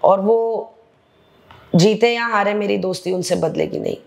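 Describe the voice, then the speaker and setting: A reality show contestant appears as a guest in a candid interview, speaking bluntly and animatedly with frequent English phrases. Her voice is medium-pitched, unhurried, a little mellow, with vocal fry.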